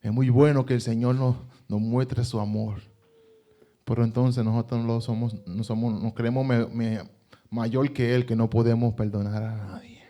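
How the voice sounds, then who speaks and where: A man's voice: medium pitch, little pitch movement, moderate pace, dark tone. A man preaching a sermon as pastor, retelling with emphasis and rhetorical questions.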